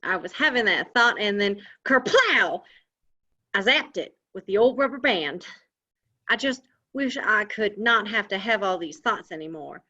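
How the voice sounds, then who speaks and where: A woman's voice: medium pitch, lively intonation, a little slow, pushed and bright. A woman reading the part of an anxious young man who talks in a folksy cowboy drawl, in a live script reading. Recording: dull lo-fi audio.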